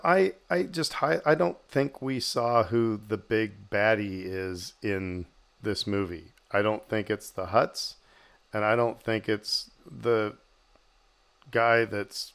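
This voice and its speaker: A man co-hosting a podcast in casual chat, animated and speculative, talking in bursts. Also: lowish voice, slow pace, creaky. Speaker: podcast co-host.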